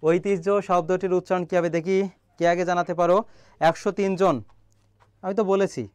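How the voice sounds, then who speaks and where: A young man runs a live-streamed grammar lesson, his voice sitting fairly high for a man. He keeps asking the viewers questions and reads their comments back to them. The sound is dry and close, with no room around it. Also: level tone, moderate pace, a little mellow, clear, resonant tone, no echo. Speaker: online admission-prep teacher.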